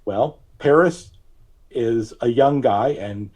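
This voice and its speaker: A man is interviewed as a filmmaker, telling stories in a conversational, explanatory way with long, drawn-out pauses. His voice sits at a medium pitch and sounds a little mellow.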